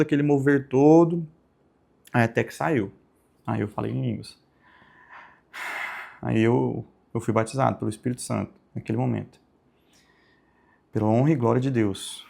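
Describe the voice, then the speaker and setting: A young man with a lilt shares a personal testimony in a soft, meandering way. His voice carries a gravelly rasp at the bottom, set at an ordinary pitch for a man. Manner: soft-spoken, rambling storytelling with frequent tag questions. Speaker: channel host giving testimony.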